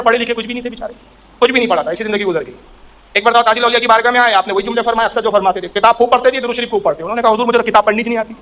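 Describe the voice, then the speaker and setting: A man's voice: extremely high pitch, pushed and bright. A man preaching a sermon in a storytelling way, acting out quoted speech with a raised voice.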